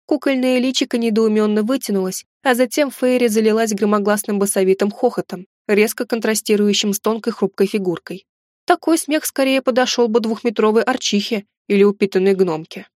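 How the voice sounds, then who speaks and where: A woman narrating a first-person fantasy audiobook in a steady, measured reading. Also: mid-range voice, no echo, studio quality.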